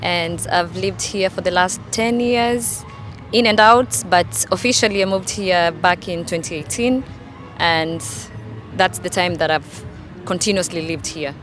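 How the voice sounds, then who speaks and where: A woman from Kenya answering a street interview outdoors in a park, cheerful and quick to laugh, into a handheld mic. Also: on the low side, a bit bright, faint music behind. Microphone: handheld mic held by interviewer.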